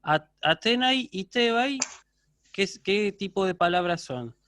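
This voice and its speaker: A man's voice: sits high, animated, unhurried, pushed and bright, dry recording. A man teaching a university Greek class over a video call, patiently checking in with his students. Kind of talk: online lecture.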